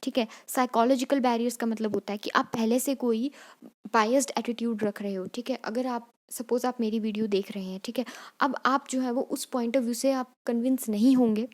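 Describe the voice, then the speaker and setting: Young female teacher, slightly high voice, patient explanatory lecture style. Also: fairly even intonation, fairly quick. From Kangra district, Himachal Pradesh, India. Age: young adult. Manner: explanatory, repeats "theek hai" often, mixes Hindi and English. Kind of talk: exam-prep lecture.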